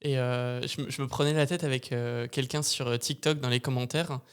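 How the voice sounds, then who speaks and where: A man's voice: medium pitch, normal speed, clear, resonant tone. Slangy, chatty man hosting a podcast. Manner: animated storytelling, slangy, frequent fillers. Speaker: podcast host. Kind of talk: casual chat.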